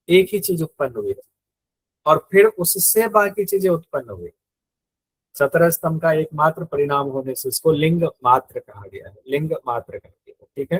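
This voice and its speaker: A man's voice: on the high side, no echo, low-quality recording. A man teaching a live online yoga exam-prep class in speech, explaining step by step, repeating key terms and quizzing his students.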